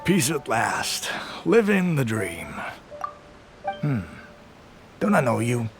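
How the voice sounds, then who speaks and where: Drowsy, slow-talking loner soldier. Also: male voice, mid-range voice, very animated. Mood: drowsy, content. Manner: languid, sleepy, sighing. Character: drowsy, easygoing loner soldier enjoying peace. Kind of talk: video game voice acting. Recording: game music behind voice.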